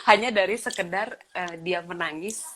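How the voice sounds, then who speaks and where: A woman's voice: lowish voice, normal speed, a bit bright. A woman in her thirties, a mother talking in a casual chat about raising children, often acting out quoted dialogue. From Indonesia. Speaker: guest speaker.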